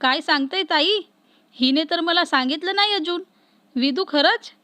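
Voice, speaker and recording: A shy, teasing young man in love, as a woman reads him out in a storybook tale. The voice stays high and the sound is dry and close. He jokes lightly with the girl he loves. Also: moderate pace, sharp tone, no room sound. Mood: playful.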